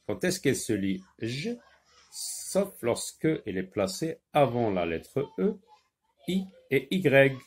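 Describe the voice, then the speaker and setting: A man gives a reading lesson to young children at a very slow, deliberate pace. He stretches out each word and sound for his pupils to copy. His pitch rises and falls in a lively, sing-song way. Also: slightly rough. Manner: slow, drawn-out modelling of sounds and words. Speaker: teacher.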